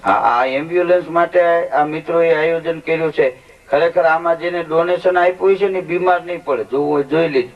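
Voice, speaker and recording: A man tells folk jokes on a live stage, slipping into quoted dialogue as he goes. His voice sits a little high, and the recording is muffled and lo-fi. He sounds set back from the microphone. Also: brisk, far from the mic. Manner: lively joke-telling with quoted dialogue. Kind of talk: stage storytelling comedy.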